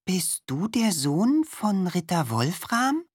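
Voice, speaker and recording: A woman's voice: lowish voice, sing-song, slow, breathy edge, no room sound, studio quality, voice pushed up, full character voice. A woman voicing a shy young kitchen boy in a storybook, who talks hesitantly and stammers. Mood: timid.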